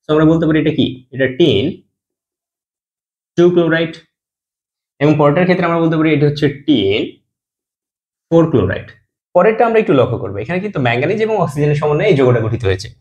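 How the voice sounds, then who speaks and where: A man's voice: a little high, animated, fast talker, pauses often, a little mellow, highs cut off. A man teaching a chemistry lesson, explaining step by step and answering his own questions, dropping his voice at the end of each compound name.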